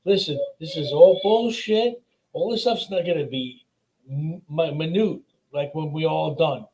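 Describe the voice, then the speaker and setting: High-pitched emphatic male sports caller. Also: unhurried, darkish tone, low-quality recording. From New York. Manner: emphatic, profane, repetitive. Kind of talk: casual sports fan talk.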